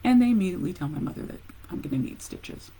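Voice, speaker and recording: A woman who works as a nurse, casually telling a personal story with animated pauses and laughs. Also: mid-range voice, a little hiss or hum, poor audio.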